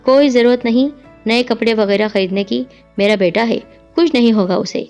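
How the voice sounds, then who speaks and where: A woman's voice: on the high side, darkish tone, close to an everyday voice. A woman voicing an angry, domineering young husband who talks with scorn and a raised voice, over faint music. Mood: scornful.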